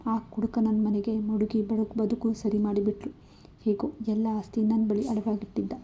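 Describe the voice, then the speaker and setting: Brief: woman voicing greedy schemer, bitter grumble, flat and dark. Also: medium pitch, moderate pace, breathy edge, lo-fi sound, close to an everyday voice. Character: greedy, jealous middle-aged man, scheming.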